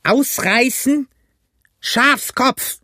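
In this audiobook character voice, a man plays an enraged blind old pirate beggar who shrieks curses and snaps orders at his gang. The delivery is very slow, heavily acted and very high, raised well above his own pitch, with a sharp tone in a dry, studio-quality recording.

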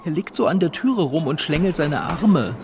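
Ein Mann spricht einen ängstlichen, schreckhaften Begleiter in einem Hörspiel. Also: male voice, on the high side, animated, normal speed, darkish tone, a little hiss or hum. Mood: nervous. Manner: anxious, easily startled. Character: timid, jumpy male sidekick.

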